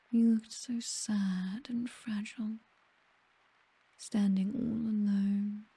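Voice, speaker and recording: In an intimate, dry ASMR roleplay, a woman voices an aristocratic British vampire mistress who is seductive, condescending and possessive. She speaks in a mid-range, extremely mellow, breathy near-whisper, lingering languidly and teasingly on every phrase, fully in character with no echo. The mood is tender and possessive.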